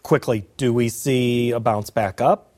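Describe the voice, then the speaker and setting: Male host, mid-pitched, folksy and prodding, dry close mic. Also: steady tone, unhurried, a little mellow, no echo. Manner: folksy, prodding, playful questions. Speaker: show host. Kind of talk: interview questions.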